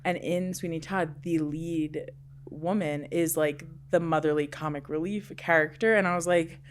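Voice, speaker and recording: A woman's voice: low-pitched, fairly even intonation, normal speed, a little hiss or hum. A young adult woman co-hosting a podcast in casual chat, who laughs often and bursts into quoted voices. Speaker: podcast co-host.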